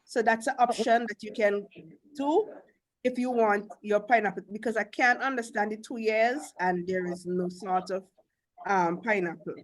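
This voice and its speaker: A Caribbean-accented woman teaches a live agriculture class, blunt and emphatic, frequently firing off questions. Her voice is medium-pitched at a moderate pace, and the audio quality is poor.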